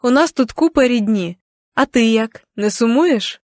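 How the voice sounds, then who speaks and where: A woman reading an audiobook, voicing a cheerful young female friend who chats brightly. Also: on the high side, animated, unhurried, no room sound, clean studio sound.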